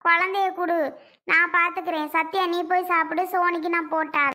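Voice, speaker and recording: A woman doing an irritable aunt in a cartoon serial, muttering complaints in a very high, bright voice. She keeps grumbling as she talks. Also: flat delivery, a little fast. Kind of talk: cartoon family serial voice acting.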